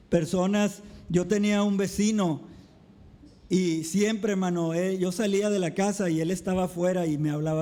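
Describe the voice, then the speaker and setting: A man preaching a sermon as a pastor, calling the congregation brethren over and over, speaking slowly with emphatic drops in his voice. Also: sits high, dark tone. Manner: preaching with repeated address to the brethren; slow, emphatic delivery with dramatic drops. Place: church.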